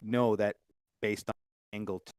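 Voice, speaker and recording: A man's voice: lowish voice, flat delivery, moderate pace, darkish tone, smooth, no echo, studio quality. A man in a casual online panel debate, talking through a headset that keeps cutting out, so his volume jumps and words drop away as he walks through a practical example. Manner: explaining step by step with a practical example. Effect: breaking-up mic, volume jumping up and down, words dropping out.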